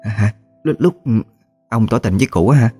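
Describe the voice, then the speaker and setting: Man voicing a young woman, Southern Vietnamese accent, eager, curious, quick questions. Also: fairly low pitch, animated, mellow, husky, faint music behind, voice pushed up. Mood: amused.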